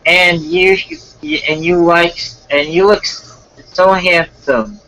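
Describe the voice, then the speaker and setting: A bashful young woman on a first date, as a man puts her on in a raised, falsetto-ish voice. She is slow and halting, with a very bright, forceful tone. It is an amateur fan-story reading between friends. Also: low-quality recording. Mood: sweet, curious. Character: shy sweet young woman on a blind date.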